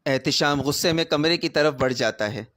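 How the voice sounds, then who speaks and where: A man narrating a family drama story in an even, plain storytelling manner. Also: on the high side, dry recording, clean studio sound.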